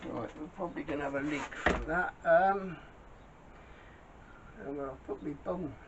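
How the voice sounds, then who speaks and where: A man's voice: on the high side, moderate pace. A man, talking casually to himself and the camera while repairing a small engine, short of breath at times. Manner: muttering to himself while working. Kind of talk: casual workshop commentary. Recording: dull lo-fi audio with clear background noise.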